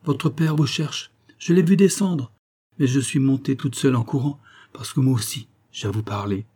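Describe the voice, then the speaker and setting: A breathless, anxious young woman pressing her urgent request, as a male reader puts her on in a storybook. The voice stays dark and husky. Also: mid-range voice, close to an everyday voice. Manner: hurried, urgent.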